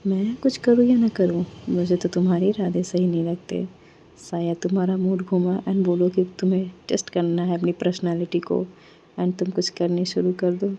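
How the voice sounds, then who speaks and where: Confident teasing young woman, voiced by a woman narrator, dark low voice, lo-fi sound. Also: flat delivery, normal speed, breathy edge. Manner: playful, coolly formal when angry.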